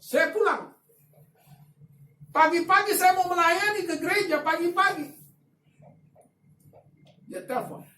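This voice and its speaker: A male pastor delivers a sermon in an animated storytelling way, dropping into quiet asides and then rising into loud, emphatic bursts. His voice sits some way from the microphone. It rings in an echoey church hall over faint ambient noise. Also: very high-pitched, measured pace, pauses often, distant mic.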